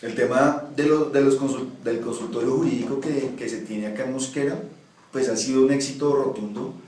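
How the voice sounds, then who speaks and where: His medium-pitched voice is fairly even, a little mellow, at a normal speed. The man, a municipal ombudsman in his thirties, stumbles through interview answers with many fillers and restarts. The echoey recording is made from a distance in an office with window blinds.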